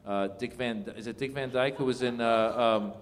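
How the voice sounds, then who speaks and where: A man's voice: mid-range voice, steady tone, normal speed. A man talking casually as a comedian guest on a live stage show, rambling and laughing with many fillers. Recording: hall reverb, live venue.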